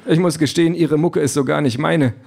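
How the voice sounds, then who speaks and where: A man's voice: fairly high pitch, steady tone, brisk, gravelly, darkish tone, voice pushed up. A man voicing a fussy, overly formal self-driving car that is eager to please. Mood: prim, polite.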